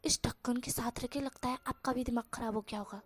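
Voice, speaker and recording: A woman's voice: fairly high pitch, steady tone, quick pace, husky. Woman doing a sassy, hot-tempered young man. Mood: indignant. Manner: scolding, teasing, exaggerated complaints. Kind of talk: storybook voice acting.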